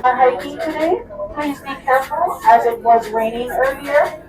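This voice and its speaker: A woman's voice: high-pitched, moderate pace. A woman guiding a trolley tour, giving riders friendly cautions and commentary on the moving trolley. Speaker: trolley driver and guide. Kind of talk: guided tour announcements. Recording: echoey, distant, noisy trolley recording.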